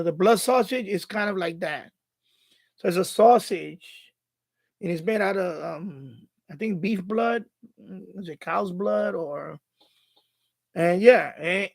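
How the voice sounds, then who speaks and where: Hosting a live stream, a man from the Bronx, New York City, USA, chats casually, thinking aloud and repeating himself. His voice is high-pitched and creaky, with no room sound.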